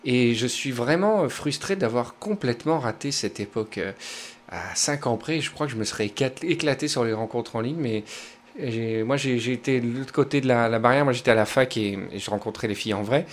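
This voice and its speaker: A man's voice: medium pitch, a little fast, slight background noise. A man in his thirties with a Southern French accent, hosting a podcast and telling rambling, digressive anecdotes in casual chat. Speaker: podcast host.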